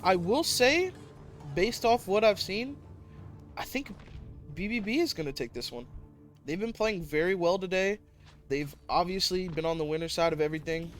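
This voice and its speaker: A man hosting and casting an amateur online game tournament, laughing often and jumping up in pitch when excited. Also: normal speed, faint music behind. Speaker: tournament host and caster. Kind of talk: casual esports commentary.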